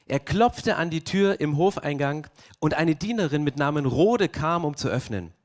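A man's voice: a little high, moderate pace. A young man preaching a sermon, telling the story vividly and asking the congregation rhetorical questions. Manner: lively storytelling, acts out voices, rhetorical questions. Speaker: pastor.

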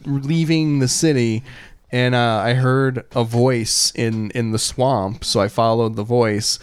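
A man at middle pitch chats casually on a close mic, and his voice sounds dry with no room around it. He laughs often as he tells his own stories. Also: fairly even intonation, slow, smooth, no room sound. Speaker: podcast co-host. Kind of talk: casual chat.

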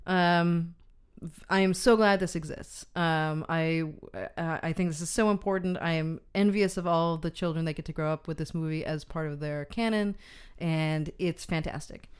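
A woman's voice: sits low, steady tone, normal speed, clear, resonant tone. A woman co-hosting a film podcast, chatting casually and hesitantly with many fillers and restarts. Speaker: podcast co-host. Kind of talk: casual film review chat.

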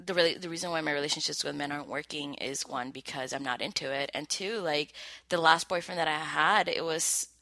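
A woman's voice: sits low, brisk, pushed and bright. A woman in her thirties co-hosting a podcast, talking casually and a bit bashfully, with many fillers and nervous laughs. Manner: chatty, giggly and bashful, lots of fillers. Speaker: podcast co-host. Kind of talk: casual chat.

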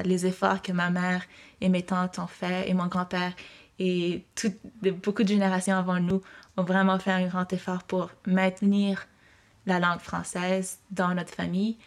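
A woman's voice: on the low side, vocal fry. A young woman from Mexico answering interview questions in a hesitant, reflective way, with many fillers and restarts.

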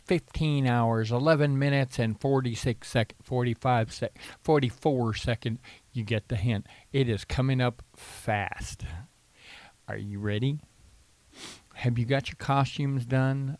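A man hosting a casual radio-style podcast, rambling with frequent fillers and throat clearing. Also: mid-range voice, a little mellow, no echo. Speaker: podcast host.

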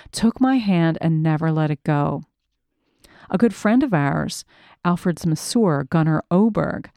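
Lady narrating her memoir, measured and reflective, dry close sound. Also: fairly low pitch, mellow, no room sound. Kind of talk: first-person memoir reading.

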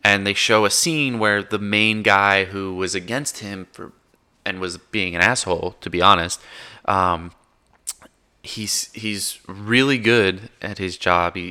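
A man's voice: low-pitched, bright, forceful tone, clear, resonant tone. A man in his twenties casually retelling a war film, rambling and correcting himself as he goes. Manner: rambling, self-correcting, frank. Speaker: film recapper.

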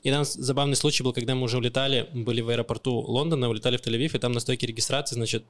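Fast-talking young man telling stories on a podcast. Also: medium pitch. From Ukraine. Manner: animated storyteller, acts out quoted voices. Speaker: podcast co-host. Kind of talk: casual chat.

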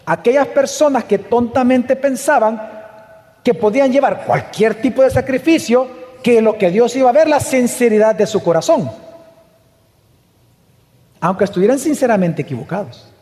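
Male pastor preaching, high but mellow voice, earnest with rhetorical questions, long reverb. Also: lively intonation, normal speed. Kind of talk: sermon.

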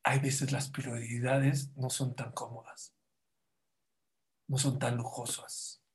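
A man preaching a sermon to a congregation, dramatic, dropping to a hush and then rising loud as he acts out the people in his stories. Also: medium pitch, little pitch movement, slow. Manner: dramatic, swings from hushed to loud, acts out quotes.

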